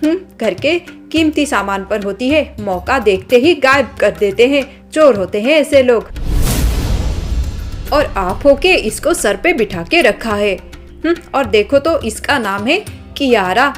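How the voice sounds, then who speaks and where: A woman's voice: fairly high pitch, lively intonation, a little slow, soft background music. A woman voicing an arrogant, spoiled young woman from a rich family who scolds and sneers, in a storybook drama. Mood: haughty scolding.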